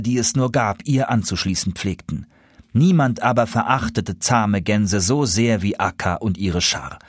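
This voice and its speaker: Expressive male storybook reader. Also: lowish voice, husky, no echo, studio quality. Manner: expressive, lively reading. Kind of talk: storybook reading.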